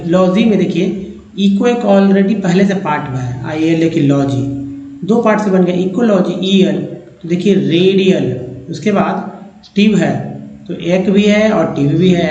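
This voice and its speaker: A man teaching English reading, going through a slide part by part, slowly repeating each sound and word and calling his viewers friends. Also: fairly high pitch, mellow, a little hiss or hum. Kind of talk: slide-based phonics lesson. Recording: echoey dull-sounding room recording.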